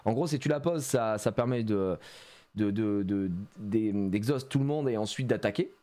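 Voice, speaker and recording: Speaking at normal speed in a lowish voice, a man banters on a live stream while cracking open trading card packs. He's animated, fond of puns, and quick to laugh.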